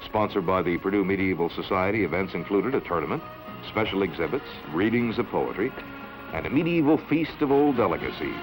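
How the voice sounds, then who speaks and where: A man narrating an old newsreel in a measured, formal announcing manner. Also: low voice, lively intonation, faint music behind, low-quality recording.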